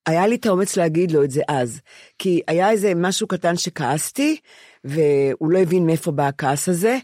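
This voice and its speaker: A woman's voice: on the low side, animated, warm tone, no room sound, clean studio sound. A woman in her seventies talking candidly as a podcast co-host, often stopping to restart and repeat words. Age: 70s. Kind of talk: candid conversation.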